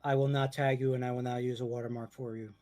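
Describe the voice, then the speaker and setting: A young man speaks haltingly on a group voice call, restarting his words often. His tone is mellow and dark, and the sound is dry and close. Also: mid-range voice, little pitch movement, dry recording, soft background music. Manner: halting, hesitant, repeats words.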